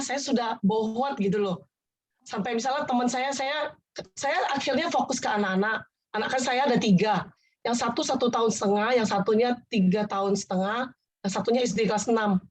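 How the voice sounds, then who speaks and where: Her voice fairly high and the recording rough, a woman offers her personal testimony in an earnest, conversational style. She rambles, often repeats herself and restarts, while politely addressing her listener.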